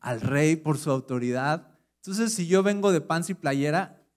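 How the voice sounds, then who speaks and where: Conversational Mexican pastor preaching. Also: male voice, a little high, expressive, unhurried. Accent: Mexican Spanish. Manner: conversational, asks the audience rhetorical questions. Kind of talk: sermon.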